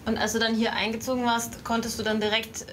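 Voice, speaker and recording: A woman's voice: fairly high pitch, level tone, fast talker, background noise. Curious woman reporter over music. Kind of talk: reportage and interviewing.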